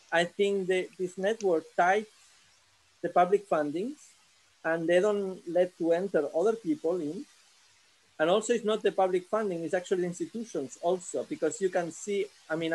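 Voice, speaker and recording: A man in his thirties with a Catalan accent, asking a long, halting question with many restarts during an online seminar, speaking from a sofa into a laptop on a video call. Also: high-pitched, darkish tone. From Catalonia, Spain. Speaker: seminar participant, visual artist. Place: living room sofa, indoors. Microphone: laptop camera on a video call.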